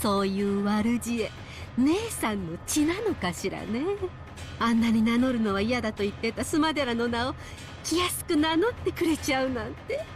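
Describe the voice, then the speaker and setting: A woman's voice: fairly high pitch, lively intonation, fast talker, close to an everyday voice. A woman voicing a scheming, mocking woman who leads a powerful family, speaking in a teasing, condescending way in anime game style. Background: game music.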